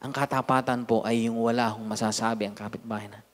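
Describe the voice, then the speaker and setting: A man with a Filipino accent preaching a lively sermon as pastor, swinging from loud to hushed with joking asides. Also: lowish voice, quick pace. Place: church hall. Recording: long hall reverb.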